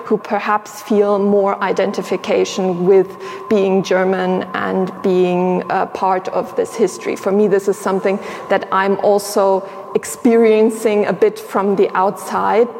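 A young woman who grew up in Sierra Leone and Tanzania, a museum curator appearing as a guest, talks thoughtfully in an indoor exhibition space. Her medium-pitched voice is gravelly and darkish with little pitch movement, and she speaks in a reflective, measured way with many fillers and pauses. The hall is reverberant, with faint noise.

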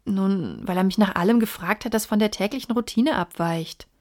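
A woman's voice: mid-range voice, normal speed, darkish tone, close to an everyday voice. A woman reading the part of a plainspoken young male baronet raised in America, in an audiobook.

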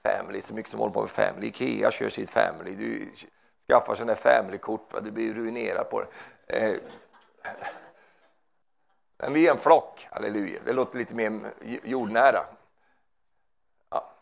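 A man's voice: fairly low pitch, steady tone, creaky, pauses often. A man preaching informally, fervent and rambling, who peppers his talk with hallelujahs and amens. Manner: rambling, with frequent restarts and asides.

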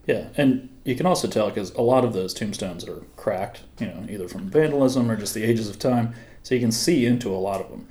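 Laid-back podcast co-host, warm low voice, echoey room. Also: male voice, fairly quick. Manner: laid-back, laughs and chimes in briefly. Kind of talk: casual chat. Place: small study room.

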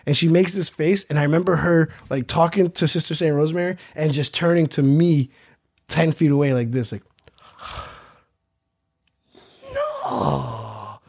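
A man's voice: on the high side, brisk, a little mellow, no room sound, clean studio sound. A man from Queens, New York, hosting a podcast and telling a childhood story in a profane, self-mocking comic way. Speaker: podcast host. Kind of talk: comedic storytelling.

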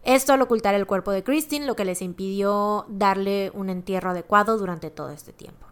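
Her tone is clean, her pitch medium, and her pace a little fast as this Mexican-accented co-host tells a true-crime story. She is chatty and slangy, recounting the case with frequent asides in a casual podcast conversation.

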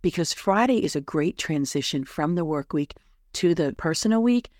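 A woman's voice: low voice, animated, moderate pace, a little mellow, dry recording, studio quality. A woman hosting a solo advice podcast in an upbeat, tidy, encouraging manner, like a coach reading prepared tips. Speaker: astrology coach and podcast host.

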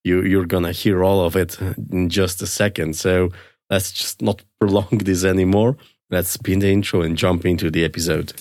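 A man's voice: sits low, level tone, normal speed, darkish tone, no echo, clean studio sound. An upbeat, enthusiastic man speaking as the host of an interview podcast.

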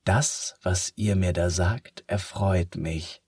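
A man voicing a sad, weary sun that talks slowly and sighs, in a children's storybook. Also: low-pitched, fairly even intonation, a little mellow, breathy edge, no room sound, studio quality, full character voice. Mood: downcast, slow. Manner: slow, sighing, downcast.

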